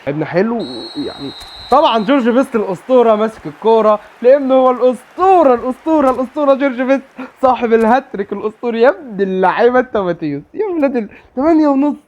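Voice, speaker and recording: Egyptian guy yelling over his football game, fast, bounces up and down a lot. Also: very high voice. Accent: Egyptian Arabic. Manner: excitable, repeats cheers and groans at the play. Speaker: gamer. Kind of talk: live gameplay commentary.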